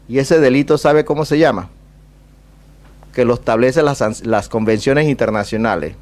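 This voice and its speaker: A man's voice: mid-range voice, a little mellow. A man with a Panamanian Caribbean Spanish accent speaks as an ambassador at a public talk, in a discursive, rhetorical way with emphatic repetition. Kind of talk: public talk with question and answer.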